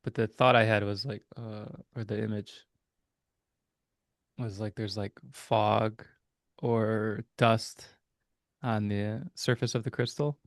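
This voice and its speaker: A man's voice: fairly low pitch, fairly even intonation, slow, long pauses, no echo, clean studio sound. A man co-hosting a reflective spiritual podcast, musing aloud and searching for his words with many hesitations. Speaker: podcast co-host. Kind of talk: casual reflective conversation.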